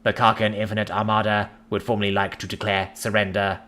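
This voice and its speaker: A man doing a tired alien emperor, solemn, formal, pleading, a low voice pushed a little higher and louder than his own, like a storybook reading. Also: little pitch movement, fairly quick. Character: weary defeated male alien ruler.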